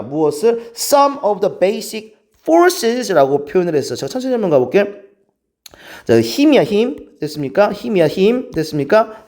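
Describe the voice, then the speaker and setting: A man's voice: high voice, dark tone. A man teaching English grammar in a lecture, keeps checking in with the class through rhetorical questions.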